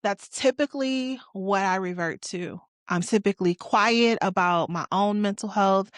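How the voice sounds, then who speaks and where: Speaking unhurriedly in a medium pitch, a forty-year-old woman from Detroit, USA, delivers a solo podcast monologue about her life. She's candid, reflective and conversational, using casual slang, and there's no echo.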